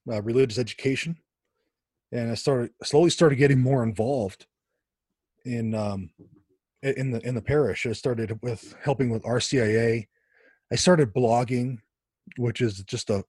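A man, a podcast guest, telling his story in an animated conversational way with frequent restarts. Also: medium pitch, no room sound, studio quality.

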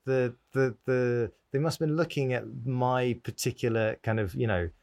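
A man's voice: medium pitch, normal speed, a little mellow. A man hosting a comedy podcast, chatting casually and telling rambling, self-deprecating stories. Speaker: podcast host. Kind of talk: casual interview chat.

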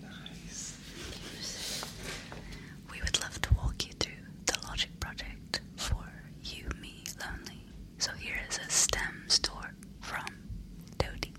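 A woman host doing whispered role-play, speaking in a soft, breathy whisper. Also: slow, long pauses, poor audio. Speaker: podcast host.

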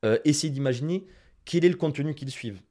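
A man with a Toulouse accent, a guest on a podcast, giving direct and lively marketing advice straight to the listeners. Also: a little high, fast. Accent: Toulouse (southern French). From Toulouse, France. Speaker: guest, Instagram marketing expert. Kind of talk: casual podcast interview.

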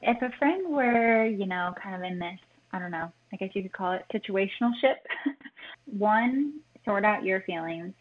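A woman's voice: mid-range voice, expressive, moderate pace. A woman guest in a casual chat, speaking earnestly and giving direct advice. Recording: tinny phone line.

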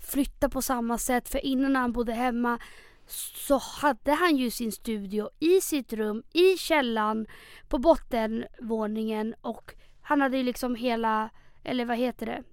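A woman's voice: fairly high pitch, clear, resonant tone, dry recording, studio quality. A 25-year-old woman chatting animatedly as a podcast co-host, often stumbling over her first words. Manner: animated, chatty, repeats words when starting. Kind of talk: casual chat.

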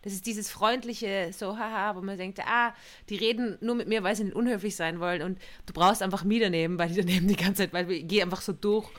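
A woman's voice: medium pitch, steady tone, fast. A woman co-hosting a podcast, chatting casually with blunt, dry quips. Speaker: podcast co-host. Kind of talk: casual chat.

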